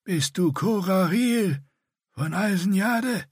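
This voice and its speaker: A man voicing a young, scarred, one-eyed male warrior with a grating, raspy voice and a curt, threatening manner. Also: sits high, lively intonation, slow, no room sound, clean studio sound, voice pushed up, heavily acted. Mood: menacing.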